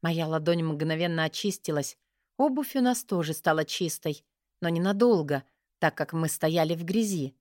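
A woman's voice: low-pitched, normal speed, a little mellow, dry recording, clean studio sound. Woman narrating a wry fantasy tale. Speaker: audiobook narrator. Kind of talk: first-person fantasy narration.

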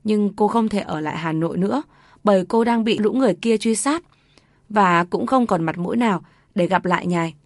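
A woman narrating an audiobook story in a steady, measured way. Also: mid-range voice, dry recording, studio quality.

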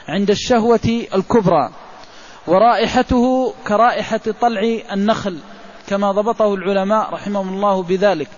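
A man, a religious scholar, explains a classical legal text in a measured lecture and pauses on drawn-out fillers. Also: high voice, a little mellow. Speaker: religious scholar teaching jurisprudence. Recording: dull lo-fi recording with faint hiss.

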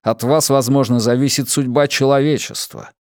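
A man voicing a calm, stoic male archaeologist in an audiobook, with a measured, restrained delivery. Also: medium pitch, dry recording, clean studio sound, pitched above the performer's own voice, natural voice. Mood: grave. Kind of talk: dramatised audiobook reading.

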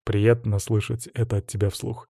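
A man's voice: lowish voice, flat delivery, moderate pace, gravelly, mellow, dry recording, studio quality. A man voicing a playful, confident young man who jokes and teases his date. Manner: teasing, cheerful.

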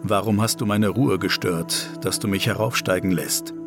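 A man's voice: sits low, fairly even intonation, normal speed, over music. A man reading the part of the stern ghost of an old male prophet, grave and reproachful.

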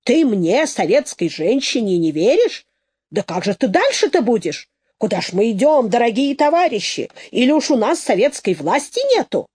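A loud middle-aged woman in the middle of a street quarrel, shrieking accusations and wailing at everyone near her, voiced by a woman reading the tale. Her voice runs high and swings sharply, and the sound is close and dry. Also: sing-song, normal speed, breathy edge, dry recording. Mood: scolding.

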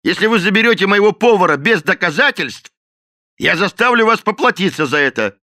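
A man's voice: high voice, expressive, brisk, pushed and bright, dry recording, studio quality, pitched above the performer's own voice. A man voicing an indignant, commanding millionaire who firmly threatens a police captain.

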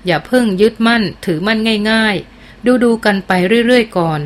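A woman's voice: fairly high pitch, moderate pace, lightly acted. A woman reading the lines of a cautious middle-aged mother brushing off her daughter in a narrated novel. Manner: dismissive, warning tone.

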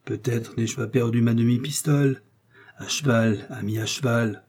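A man voicing an excitable young swordsman in a storybook reading, talking with urgency. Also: medium pitch, normal speed, close to an everyday voice. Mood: eager. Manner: urgent, exclaiming.

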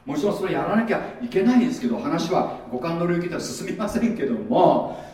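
Animated high-voiced preacher in an echoey hall. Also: male voice, quick pace, a little hiss or hum. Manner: conversational preaching, rhetorical questions. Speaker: pastor. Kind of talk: sermon. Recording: very echoey room, voice from far off.

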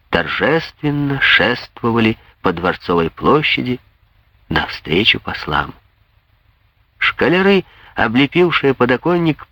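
A man narrates a classic novel in slow, measured sentences, his intonation rising and falling widely. The sound is dry and close, with no room around it. He lifts his voice high for the rowdy shouting students. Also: no echo. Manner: lively, shifts pitch sharply for shouting students and a growling man. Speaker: audiobook narrator. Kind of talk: scripted narration with acted voices.

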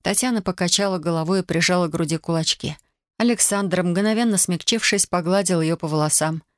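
A woman narrating an audiobook with a somewhat low voice and an even, steady delivery. The sound is dry and close, with no room around her. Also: brisk, dry recording. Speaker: audiobook reader. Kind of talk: scripted narration.

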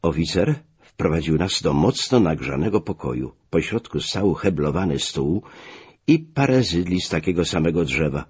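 A man reading a story aloud as narrator, with measured, expressive storytelling, in a muffled recording. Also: low-pitched, slightly rough. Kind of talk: audiobook narration.

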